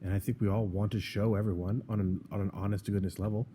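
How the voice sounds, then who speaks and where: Low, dark-voiced man arguing opinions. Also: flat delivery, quick pace, a little hiss or hum. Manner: sarcastic, argumentative, frequent restarts. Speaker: podcast co-host. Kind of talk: opinionated casual chat.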